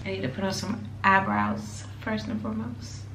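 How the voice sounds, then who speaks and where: A young woman vlogger chats casually to her camera from a resort hotel room, giggling and calling her viewers "y'all." Her medium-pitched voice is expressive and moves at a normal speed. The handheld camera is held at arm's length, and the background is noisy.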